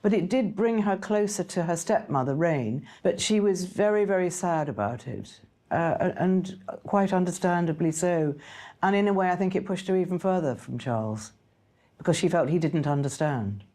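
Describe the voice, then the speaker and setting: A woman's voice: on the low side, lively intonation, moderate pace, mellow. A woman, speaking as an interviewee in a documentary, conversational and hesitant with restarts. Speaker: interviewee, royal commentator.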